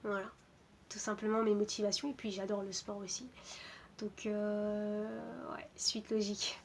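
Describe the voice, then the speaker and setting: A woman in her twenties, from Portugal, talks casually about herself as a footballer. Her delivery is hesitant and even, with little rise and fall and many filler sounds. A faint ambient hiss sits behind her. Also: medium pitch, a little slow. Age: 20s. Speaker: footballer interviewed. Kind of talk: casual self-introduction to camera.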